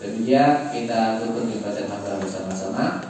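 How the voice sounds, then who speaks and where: A man's voice: on the low side, fairly quick, a crowd in the background. A male preacher giving a sermon, asking the congregation questions and teasing them. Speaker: Islamic preacher. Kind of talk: sermon with call-and-response. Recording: very echoey hall, distant mic, background noise.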